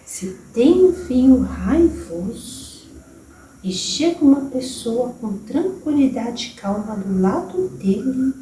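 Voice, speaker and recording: Brief: a woman playing an old grandmother spirit with a Brazilian accent, high and lilting, unhurried motherly counsel, soft whispers, roomy distant sound. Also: big pitch swings. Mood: tender. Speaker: spirit medium. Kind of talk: channeled spiritual message. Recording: roomy distant recording with faint hiss.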